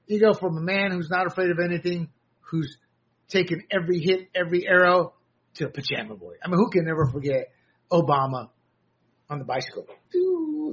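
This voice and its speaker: A man delivers a combative political monologue with biting sarcasm and a bright, forceful edge. His voice is husky and a little raised in pitch. The audio is dull and lo-fi. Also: a little fast. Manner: combative, sarcastic, rising to shouts. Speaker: political commentary host.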